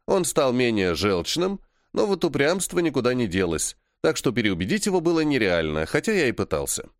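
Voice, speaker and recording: Guy reading a fantasy audiobook, really animated pitch, dry close mic. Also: brisk, no room sound. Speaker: audiobook narrator. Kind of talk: scripted first-person fantasy narration.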